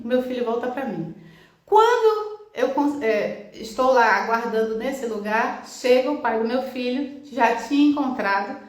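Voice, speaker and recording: A middle-aged woman gives a motivational talk, telling personal stories as a lively storyteller. She acts out the dialogue and repeats key phrases. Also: on the high side. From Bahia, Brazil. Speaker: self-help speaker. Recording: roomy echo.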